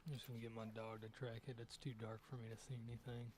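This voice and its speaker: A man's voice: medium pitch, little pitch movement, fast talker, a little mellow, slight background noise. A young man streaming a hunting game, giving casual, rambling commentary as he thinks aloud over his shots.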